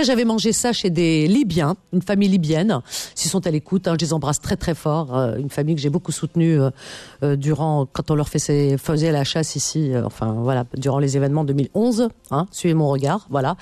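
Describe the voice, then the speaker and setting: A woman with a low, slightly mellow voice and no echo hosts a call-in radio show. She chats casually with her caller, teasing them and using lots of fillers.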